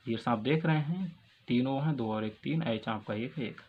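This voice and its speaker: In a husky, medium-pitched voice at a moderate pace, the North Indian chemistry teacher, a Hindi speaker, gives his classroom lecture. Each question gets repeated and then answered by him, and he addresses the students as "dears" again and again. The audio sounds dull and lo-fi with faint ambience.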